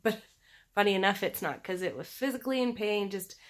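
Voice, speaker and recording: A woman with a scratchy, sore-throat voice talking in a halting, candid, conversational way, as in a casual personal video diary. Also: mid-range voice, lively intonation. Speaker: personal vlogger.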